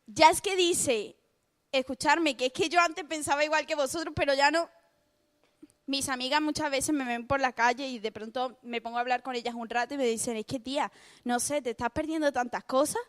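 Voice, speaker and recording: A young woman with a Spain Spanish accent giving a chatty, lively youth sermon, often laughing at herself. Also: high voice, fairly quick. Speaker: youth speaker.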